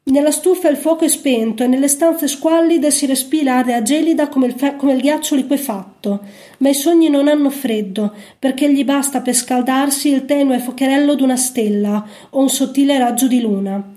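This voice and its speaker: A woman with a high voice reads a story aloud, gentle and unhurried. Her tone is mellow and soft rather than bright. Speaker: narrator. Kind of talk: storybook reading.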